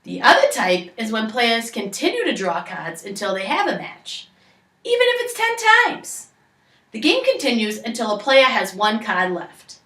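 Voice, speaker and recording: A young woman with a Boston accent reads scripted instructions aloud like a storyteller. Her pitch moves around in a lively way at a middling height. The sound is roomy, as from a camera across a living room. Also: moderate pace, few pauses. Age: young adult. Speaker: presenter of a game tutorial. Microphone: camera a few metres away. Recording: echoey room, distant camera mic.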